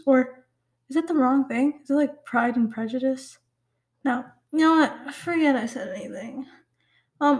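Chatting alone on her podcast, this Pakistani-heritage teen girl rambles, pokes fun at herself, and fills her talk with "like" and "um." She has a high voice with a dark tone.

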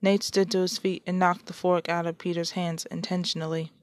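A woman's voice: lowish voice, level tone, a little fast, no echo. A woman hosting her own podcast, chatting casually and then reading a story aloud. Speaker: podcast host and story reader. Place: shared home.

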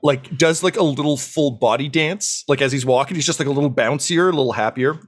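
A man's voice: mid-range voice, fairly quick. A man narrating as dungeon master in an improvised tabletop game, loose and full of fillers and chuckles.

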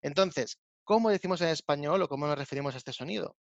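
A man's voice: a little high, quick pace, gravelly, no room sound. Male co-host, explainer, plays with sound effects; dry, slightly muffled recording. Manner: explanatory, imitates sounds playfully. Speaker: Spanish teacher podcast co-host. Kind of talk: casual teaching chat.

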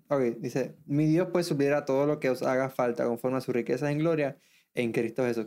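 A man in a casual religious conversation who speaks haltingly, often restarting phrases and quoting scripture. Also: mid-range voice, mellow.

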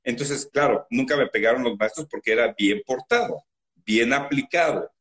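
Man, Mexican accent, interview guest, emotional storytelling, loud and animated. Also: mid-range voice, normal speed.

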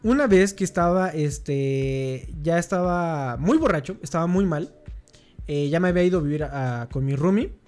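A man's voice: fairly high pitch, expressive, moderate pace, a little mellow, smooth, faint music behind. A young man with a Mexican Spanish accent, telling stories in slangy casual chat as a podcast host. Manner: slangy, storytelling, lots of filler words.

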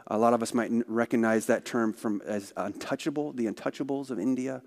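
A man's voice: medium pitch, steady tone, fairly quick, a little mellow. A man speaking for a missionary organization, telling stories in a conversational church talk with asides. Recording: long hall reverb.

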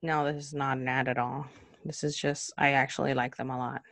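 A young Cuban woman with a notably low voice co-hosts a podcast, chatting casually, laughing often, and trailing off with ums. Her delivery is flat and her tone fairly bright, and the sound is dry and close with no room sound at all.

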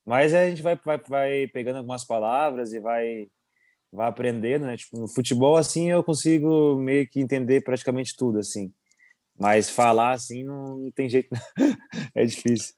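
A man's voice: mid-range voice, moderate pace, no echo, studio quality. A young Brazilian man, a goalkeeper, chatting casually in an interview and chuckling often. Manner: relaxed, chuckling, many fillers. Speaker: goalkeeper abroad, interview guest.

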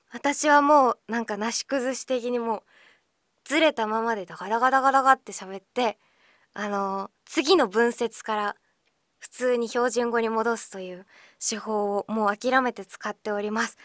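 A woman with a high voice and a slight Okinawan accent hosts a radio show, reading listener letters aloud. She talks in a chatty, playful way, often pausing on little fillers. The studio sound is dry and close. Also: bright, forceful tone, no room sound. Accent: slight Okinawan Japanese. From Okinawa, Japan.

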